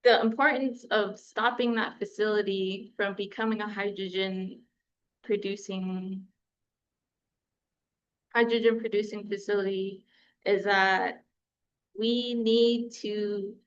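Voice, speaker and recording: A young woman from New Mexico speaks at a press conference, her smooth, clear voice wavering a little with nerves. She keeps a flat, even delivery. The recording is dull and lo-fi. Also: medium pitch, takes it slowly, pauses often. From Gallup, New Mexico. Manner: nervous, voice wavering at times. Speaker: community organizer.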